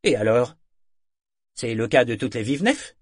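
A man's voice: mid-range voice, big pitch swings, a little slow, breathy edge, no echo, clean studio sound. A man doing a whiny, skeptical rich man. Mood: complaining. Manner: plaintive, grumbling.

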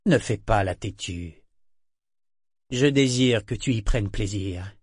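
A man voicing a cold, controlling male pirate captain with a smooth, threatening manner. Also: lowish voice, takes it slowly, no room sound, studio quality. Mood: menacing.

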